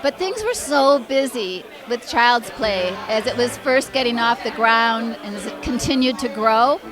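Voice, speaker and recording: A woman giving a tribute speech, reminiscing in a slow, rambling way. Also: a little high, lively intonation, crowd noise. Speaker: memorial speaker.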